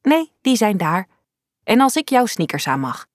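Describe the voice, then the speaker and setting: Brief: hushed teen girl friend in class, voiced by a woman reading a novel, dry booth sound. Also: medium pitch, sing-song, moderate pace, no room sound, lightly acted. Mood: playful. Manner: whispered asides.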